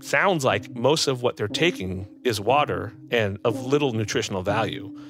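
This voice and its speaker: A man who is a medical expert, answering interview questions in a measured, explanatory way. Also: mid-range voice, expressive.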